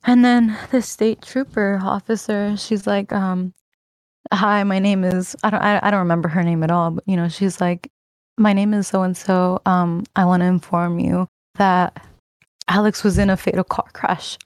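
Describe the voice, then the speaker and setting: Lower-voiced woman rambling through a story. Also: level tone, normal speed, smooth, no room sound. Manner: rambling, heavy use of "like" and "you know"; earnest, emotional recounting with sighs. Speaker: guest telling a personal story. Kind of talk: casual personal storytelling.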